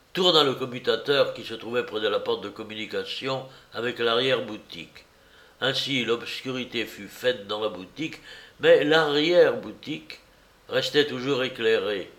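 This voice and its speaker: A man reading a novel aloud as narrator, with slow, dramatic storytelling. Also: mid-range voice, a bit bright. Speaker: audiobook reader. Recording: roomy echo.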